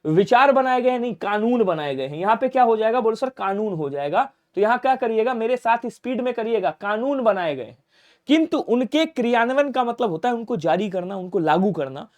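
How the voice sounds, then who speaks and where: A male teacher running an exam-prep grammar lesson in a quick quiz style, asking questions and answering them himself, and dropping to a low aside for reminders. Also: lively intonation.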